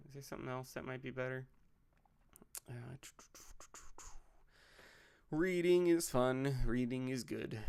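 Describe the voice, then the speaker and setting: Gravelly, lively-voiced man thinking aloud. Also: medium pitch. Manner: rambling, joking asides, thinks out loud. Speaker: pastor and livestream host. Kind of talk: casual livestream, building game characters while chatting.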